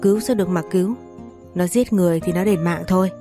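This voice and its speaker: A cold, haughty mistress of a wealthy house, voiced by a woman. She sounds clipped and dismissive, low and mellow in tone. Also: fast talker, soft background music, close to an everyday voice.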